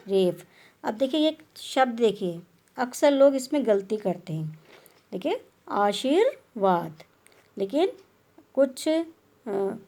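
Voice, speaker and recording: A woman's voice: a little high, darkish tone. A woman teaching a grammar lesson, explaining patiently and sounding out syllables one by one. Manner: patient, explanatory, repeats "dekhiye" and "theek hai".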